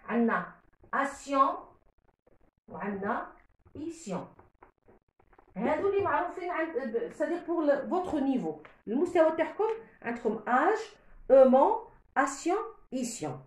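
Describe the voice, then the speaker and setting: A woman teaching a French grammar lesson step by step, switching between Arabic and French. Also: on the high side. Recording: echoey room.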